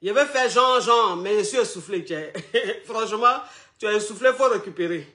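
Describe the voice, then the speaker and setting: A man's voice: high-pitched, normal speed, bright, forceful tone. A man hosting a playful online chat show, out of breath, teasing and laughing with his viewers. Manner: flamboyant, teasing, laughs often, calls viewers "my loves".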